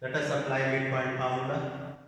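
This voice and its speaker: A man's voice: mid-range voice, completely flat delivery, moderate pace, fairly bright tone. A man with an Indian English accent teaching maths, dictating each coordinate and step aloud as he writes it out. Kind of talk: slow board-work lesson, dictating steps. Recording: echoey room, voice from a distance.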